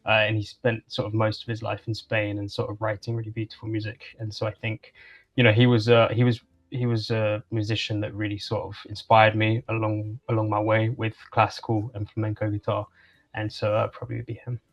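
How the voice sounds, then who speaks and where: A man's voice: fairly low pitch, monotone, brisk. A young man from England, a guest on a call-in interview, talking casually with many fillers and restarts. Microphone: video call.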